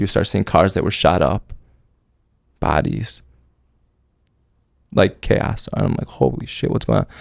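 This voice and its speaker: A man with a low voice tells a story as a podcast guest, rambling and loose with slang. His voice is gravelly and heavy with fry. The sound is close and dry, with no room echo. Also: a little mellow. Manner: slangy, rambling, full of "like" and "bro". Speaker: podcast guest recounting military service. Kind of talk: casual storytelling.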